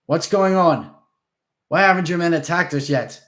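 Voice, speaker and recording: A proud vampire prince speaks with blunt, forceful defiance, voiced by a male reader. His voice sits a little above the reader's own and pushes out loud and unafraid. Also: on the high side, moderate pace, voice pushed up, lightly acted. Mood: defiant.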